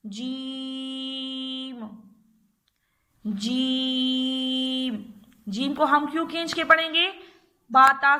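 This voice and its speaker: A woman's voice: sits high, sharp tone. A woman teacher with an Urdu-speaking Pakistani accent, giving a recorded class lesson to young children and patiently drilling letter sounds. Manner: patient, repeats "theek hai" often, drills letters slowly.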